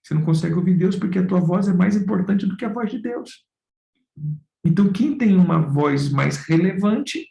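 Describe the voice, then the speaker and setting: A male pastor with a Brazilian accent delivers a sermon in a mellow, gravelly voice. He keeps asking rhetorical questions and calls his listeners brothers and dear ones. The sound carries a roomy echo. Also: high voice. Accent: Brazilian Portuguese.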